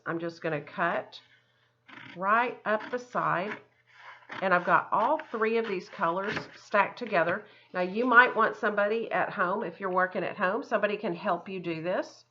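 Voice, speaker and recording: A woman's mid-range voice, pushed and bright, gives children a step-by-step craft lesson. As an art teacher, she uses simple, encouraging words and thinks aloud often, and the recording is dull and lo-fi.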